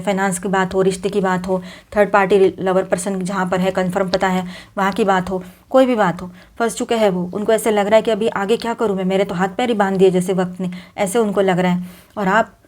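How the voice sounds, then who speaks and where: A woman's voice: medium pitch, a little mellow. A woman reading tarot cards straight to her viewers in a casual, conversational way, mixing in English words and often restarting sentences. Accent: Hindi. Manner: conversational, mixes English words into Hindi, many fillers and restarts. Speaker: tarot reader.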